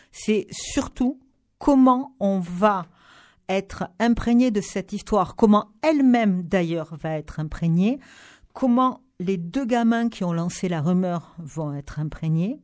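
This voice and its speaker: A woman's voice: medium pitch, a little mellow. A woman speaking as a guest book critic on a radio show, talking through novels with frequent fillers and restarts. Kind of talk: radio book review chat.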